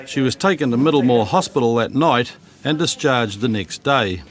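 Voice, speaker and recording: A man's voice: medium pitch, animated, moderate pace, noisy background. A man with a New Zealand accent reading scripted documentary narration.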